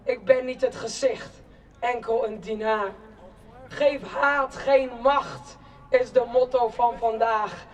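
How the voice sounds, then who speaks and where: A young woman giving a protest speech in a slow, declamatory spoken-word style, with shouted chants between lines. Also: on the high side, muffled recording. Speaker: rally speaker. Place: outdoor city square at a demonstration. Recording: distant outdoor rally recording.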